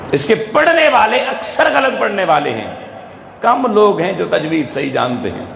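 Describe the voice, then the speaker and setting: A man's voice: high voice, very animated, vocal fry, a bit bright, slight background noise. A man with a Pakistani Urdu accent giving a sermon to a live audience, pressing them with rhetorical questions. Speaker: religious speaker. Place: event hall with an audience. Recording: echoey hall, faint ambience.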